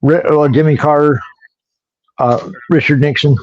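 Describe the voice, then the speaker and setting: A man's voice: a little high, steady tone, unhurried, darkish tone, lo-fi sound, a little hiss or hum. A man co-hosting a live podcast in casual chat, rambling and joking between impressions. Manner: rambling, jokey, does impressions. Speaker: podcast co-host.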